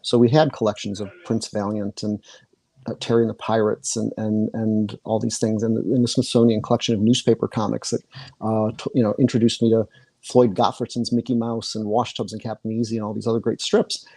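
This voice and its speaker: A man's voice: fairly low pitch, flat delivery, brisk, mellow, no room sound. A middle-aged man from Michigan, a comic artist guest on a video-call interview, talking casually with many restarts and repeated words. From Michigan, USA. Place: home room with bookshelves.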